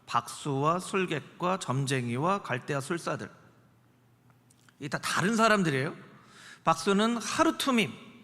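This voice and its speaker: A male pastor preaching a sermon in an animated way, dropping his voice to act out the characters in the story. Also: measured pace, long pauses. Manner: animated, acts out dialogue in lowered voice. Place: church sanctuary. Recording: reverberant church sanctuary.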